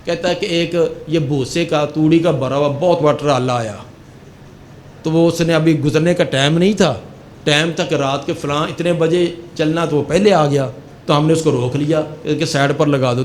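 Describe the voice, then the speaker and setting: An older man giving a sermon as a preacher, telling a story and acting out its quoted dialogue. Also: fairly high pitch. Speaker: Islamic preacher. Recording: faint background noise.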